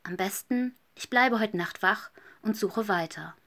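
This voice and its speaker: A woman's voice: medium pitch, unhurried, sharp tone. A woman voicing a lonely little Easter hedgehog in a children's story, earnest and a bit plaintive.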